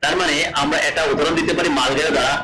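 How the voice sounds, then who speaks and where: A man's voice: a little high, fairly even intonation, racing, roomy sound, a loud crowd, rough recording. A man from Bangladesh teaching a language lesson, repeating each rule and quizzing his students as he explains. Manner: repeats rules and asks the class questions.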